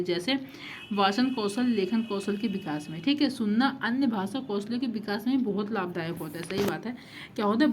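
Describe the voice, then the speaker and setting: A woman teacher explains step by step, asking rhetorical questions and checking in with "okay?". Her voice sits at a middle pitch. Faint noise hangs behind her. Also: a little mellow. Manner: repetitive, rhetorical questions, frequent 'thik hai'. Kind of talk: exam-prep lecture.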